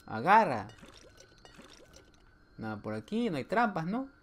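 A man's voice: fairly high pitch, big pitch swings, slow. A man commenting his way through a horror video game, joking, talking back to the game and letting out sudden yelps. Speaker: gameplay streamer. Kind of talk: playthrough commentary.

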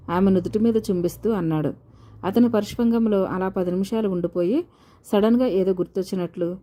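A woman's voice: medium pitch, warm tone. A woman reading a novel aloud, voicing every character in her own voice with a slight lift for the dialogue. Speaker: audiobook narrator.

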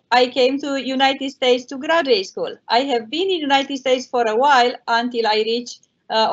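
Fairly high-voiced woman. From Romania. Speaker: panelist, physics professor. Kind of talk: self-introduction on a panel. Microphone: video call webcam. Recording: muffled video-call audio.

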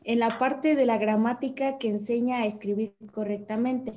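Mellow woman narrating a formal lesson. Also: a little high, steady tone, moderate pace. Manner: formal, definitional delivery. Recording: faint background noise.

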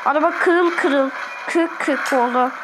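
A woman's voice: high voice, unhurried, noisy background. A woman with an Azerbaijani accent giving chatty, repetitive gameplay commentary and keeping up a running talk with her viewers. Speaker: gaming video host.

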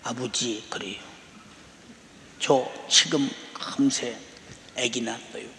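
An older man quoting his grown daughter, a tearful new mother, in a soft, pleading voice as part of a sermon. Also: a little high, expressive, measured pace, gravelly, a little hiss or hum, heavily acted. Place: large church sanctuary. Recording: echoey hall reverb.

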